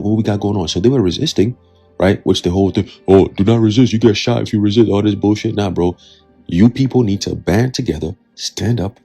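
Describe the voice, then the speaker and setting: A man with a husky, gravelly low voice delivers casual commentary on his own channel. He is blunt and swears freely, circling back to his points with "okay?" and "right?". Faint music plays under his voice. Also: warm tone. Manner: reads from a news article aloud between remarks. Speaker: channel host giving prophecy commentary.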